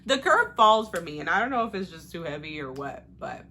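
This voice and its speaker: Young woman vlogger, bright and chatty, slightly low voice, rambling makeup chat. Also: big pitch swings, fairly quick, a little hiss or hum. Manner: chatty, rambling, with fillers and laughs. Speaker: beauty vlogger. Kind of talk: casual makeup tutorial chat.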